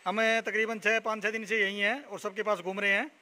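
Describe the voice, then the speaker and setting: A young man from Haryana, India, touring a buffalo shed at night and chatting as a dairy vlogger. He repeats numbers and names back and fills pauses with "a". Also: high voice, flat delivery, pushed and bright. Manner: repeats figures and names back, many "a" fillers. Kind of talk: casual walk-around video with interview.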